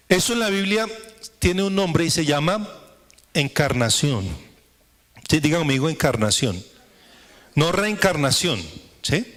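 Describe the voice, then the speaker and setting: A man preaching in a church service with a fairly high voice. He works in an emphatic, repetitive cadence and keeps turning to the congregation with rhetorical questions. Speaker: pastor. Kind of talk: sermon.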